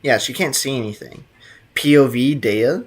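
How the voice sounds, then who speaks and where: With a mid-range, slightly rough voice at a normal speed, a young man chats casually with viewers while streaming a game. He reads live chat, uses laid-back slang and laughs frequently.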